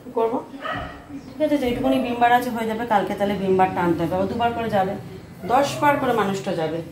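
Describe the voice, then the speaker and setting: A soft-spoken woman in her thirties, chatting casually to her phone camera at home in a vlog and grumbling good-naturedly about chores. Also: on the high side, fast talker, crowd noise. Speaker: vlogger. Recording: echoey room with faint ambient noise.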